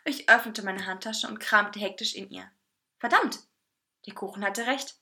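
A woman reading a first-person story aloud with lively, expressive narration. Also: mid-range voice, moderate pace, gravelly.

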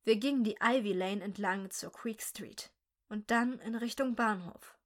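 A woman reading a dark first-person story aloud in a slow, measured, quietly tense way. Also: medium pitch.

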